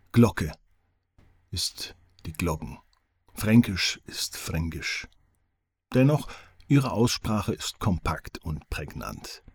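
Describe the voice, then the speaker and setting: A man's voice: fairly low pitch, slightly rough. A man, an author reading his own foreword as audiobook narration, with dry, wry humor.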